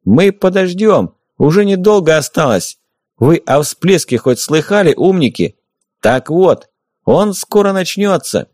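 A man's voice: mid-range voice, very animated, normal speed, mellow, no echo, voice pushed up. A man voicing a sardonic blind stalker. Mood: taunting loud. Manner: dry sarcastic taunting. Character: blind male stalker, calm, sardonic, lecturing. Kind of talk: audiobook character voice.

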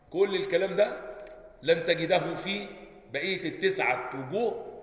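A man's voice: high voice, creaky, sharp tone. A man with an Egyptian accent, reading from a classical text and explaining it to students, often asking whether they follow. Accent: Egyptian Arabic. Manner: reads a passage, then explains it colloquially with frequent checks on the listeners. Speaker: sheikh teaching Quran recitation. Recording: echoey hall.

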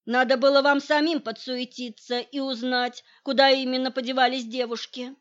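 A woman's voice: high-pitched, fairly even intonation, moderate pace, fairly bright tone, lo-fi sound. A woman reading the lines of a stubborn man who refuses to share what he knows, indignant and defensive. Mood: defiant. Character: stubborn middle-aged man guarding his secret.

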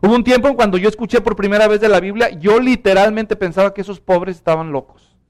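A man leads an expository Bible study in a high, smooth, resonant voice. He explains step by step and keeps checking that his listeners follow along. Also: fast. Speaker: Bible teacher.

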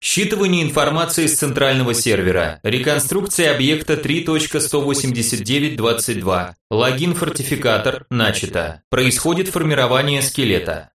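A man voicing the cold mechanical system robot of an audiobook, reading out flat, measured machine announcements. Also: medium pitch, echoey room, distant mic, noisy background, natural voice. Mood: toneless. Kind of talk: audiobook narration.

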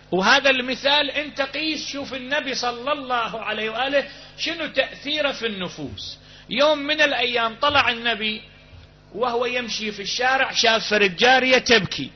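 A man with an Iraqi Arabic accent preaching a sermon to a congregation, impassioned, stretching key words and then sinking to a low hush. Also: a little fast. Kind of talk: sermon with storytelling. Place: hall with a live congregation. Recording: dull lo-fi recording.

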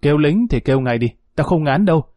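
Blustering shopkeeper, read by a man, quick and fawning, mellow dry voice. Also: on the high side, animated, no echo, faint music behind, natural voice. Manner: fast, blustering, wheedling.

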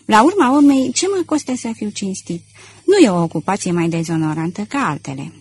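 Brief: earnest, brooding gentleman thief, read by a woman, husky timbre, storybook audiobook. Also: mid-range voice, expressive. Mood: tender, ardent. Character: gentleman thief, man, middle-aged, passionate and anxious.

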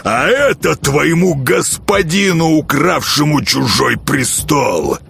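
Raging burly thug, voiced by a male narrator; loud, bellowing, strained high. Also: lively intonation, slow, vocal fry, a little hiss or hum, heavily acted. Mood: furious. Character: furious burly male brawler, violent.

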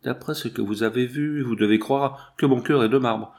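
A man reading the lines of a secretive, anxious woman, the wife of a bandit chief, in a low hushed voice. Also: moderate pace, close to an everyday voice.

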